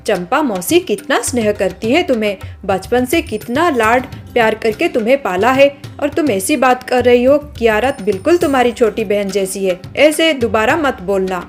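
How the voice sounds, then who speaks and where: A woman doing a kind, gentle mother. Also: on the high side, lively intonation, moderate pace, hardly any pauses, faint music behind, natural voice. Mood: gently chiding. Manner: soothing, mildly chiding.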